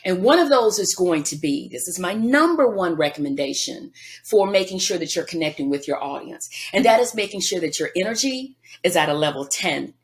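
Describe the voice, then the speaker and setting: A woman guest on a podcast interview, giving emphatic, lively coaching advice. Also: lowish voice, brisk. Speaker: guest speaker.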